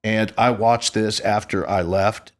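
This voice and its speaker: A man's voice: on the low side, fairly even intonation, a little slow. Boastful man in his sixties. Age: 60s. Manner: boastful, profane storyteller. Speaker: podcast host. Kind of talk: casual podcast chat.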